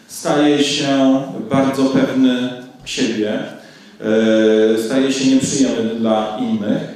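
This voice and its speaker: A man giving a spoken lecture on film as a scholar, measured and reflective with frequent hesitations. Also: medium pitch, darkish tone, recorded from a distance. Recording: very echoey room, voice off-mic.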